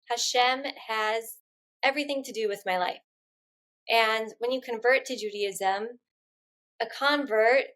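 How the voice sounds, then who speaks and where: A woman from Poland, raised elsewhere, talking casually as a podcast guest in a relaxed, joking, conversational way. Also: a little high, rough recording. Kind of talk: casual interview chat.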